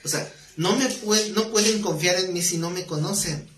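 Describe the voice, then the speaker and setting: Man teaching a Bible class, higher voice. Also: normal speed. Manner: explanatory, reads scripture aloud, asks the class questions. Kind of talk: exegetical Bible study class. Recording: roomy echo with faint noise.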